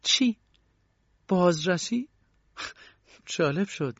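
A man's voice: mid-range voice, lively intonation, husky, no room sound, muffled recording. A man reading an audiobook, voicing a tired young woman lodger in a raised, tense voice. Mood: indignant.

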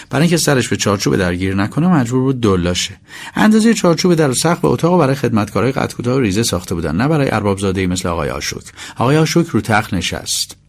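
A man reading a novel as an audiobook, telling a first-person story. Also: medium pitch. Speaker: narrator. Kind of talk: audiobook narration.

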